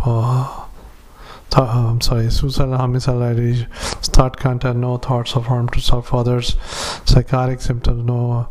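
A man, a doctor, dictating a clinical note into a dictaphone, halting often with fillers and spelling out words. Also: medium pitch, darkish tone. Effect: dictaphone recording. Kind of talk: medical dictation.

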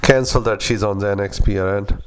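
Low, monotone man giving medical dictation. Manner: flat, halting delivery in clipped phrases. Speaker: clinician dictating patient notes. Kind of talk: medical dictation with spoken punctuation and commands.

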